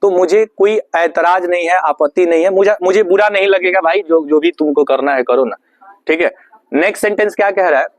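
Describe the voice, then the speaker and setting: A man teaching an English class, putting questions to the students, answering them himself, and slowing right down on the English phrases. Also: high voice, no room sound. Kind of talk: classroom lesson.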